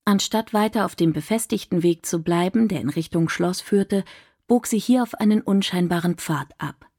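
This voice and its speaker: A woman reading a story aloud in steady, measured scripted narration. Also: lowish voice. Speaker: audiobook narrator.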